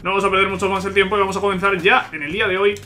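With faint music behind him, a man with a high-sitting voice races through live commentary on the football video game he's playing. The gaming YouTuber addresses viewers, swears, and repeatedly grumbles about unfairness, though big plays set off loud bursts of excitement.

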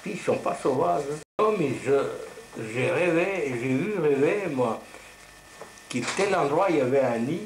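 This old man, 70 or beyond, has a creaky, rather high voice that stays expressive while he keeps a measured pace. Like a typical grandpa, he reminisces loosely and colloquially about earlier days. The clip comes from a camcorder mic across a living-room table, so it's roomy and full of home noise.

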